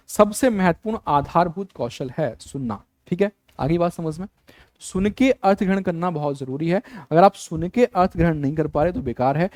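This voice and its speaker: A man's voice: high voice, darkish tone, no room sound, clean studio sound. A man teaching an exam-prep class, casually mixing English words in and asking the class rhetorical questions as he repeats the key terms. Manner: casual, mixes English words into his speech.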